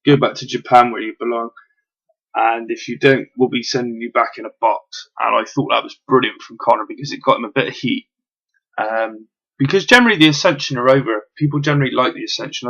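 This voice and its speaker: A man's voice: medium pitch, a bit bright, highs cut off. A man casually reviewing wrestling, rambling with lots of ums and the odd swear word.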